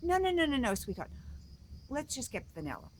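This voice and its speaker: A woman's voice: high-pitched, big pitch swings, a little fast, slight background noise, voice pushed up. A woman voicing a mother who sweetly but firmly overrules her child. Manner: coaxing, overruling.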